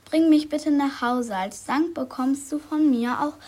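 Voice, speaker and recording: A young presenter of a school radio show, reading out a book tip with small restarts. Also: female voice, high voice, a little slow, a little mellow.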